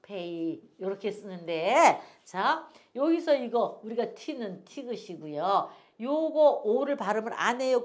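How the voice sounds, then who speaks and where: Older woman, phonics teacher, patient and repetitive, chatty asides, fairly high voice. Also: a little mellow. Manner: patient, repeats words for learners to echo; chatty, drifts into homely stories. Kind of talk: phonics lesson.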